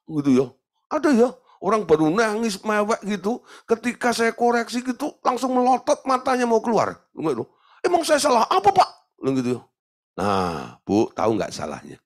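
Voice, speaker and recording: A man preaching a sermon as a pastor, humorous and animated, often checking with the congregation through quick questions. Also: high-pitched. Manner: animated, humorous, acts out voices; addresses the congregation with tag questions.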